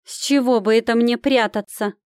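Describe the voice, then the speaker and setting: A woman voicing a grumpy, frightened old village woman who fiercely shields her son, snapping back in a defiant, drawn-out voice. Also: on the high side, fairly even intonation, smooth, dry recording, studio quality, pitched above the performer's own voice, natural voice. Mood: grumbling defiant.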